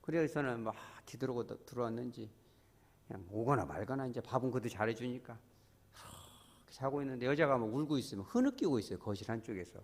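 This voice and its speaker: A man who is a pastor, preaching a sermon as animated storytelling with sudden shifts between loud and soft. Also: medium pitch, quick pace.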